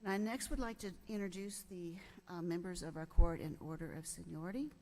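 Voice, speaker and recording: A woman with a Southern US accent speaks as a presiding judge. Her voice sits a little low, and she makes official remarks in an informal way over faint noise. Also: fairly quick, warm tone. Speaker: presiding chief justice. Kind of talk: informal welcome and thanks at a formal event.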